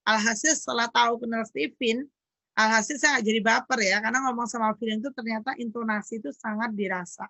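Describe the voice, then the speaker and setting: Seorang wanita, dokter, membawakan materi parenting dengan gaya santai dan hidup. Suaranya agak tinggi dan sangat cerah, dan rekamannya kering, nyaris tanpa gema ruangan. Ia sering menyapa para orang tua secara langsung. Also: female voice, quick pace, no room sound. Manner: lively, acts out quoted dialogue with jumps in pitch; chatty, addresses parents directly. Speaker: doctor giving a parenting talk. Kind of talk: educational talk.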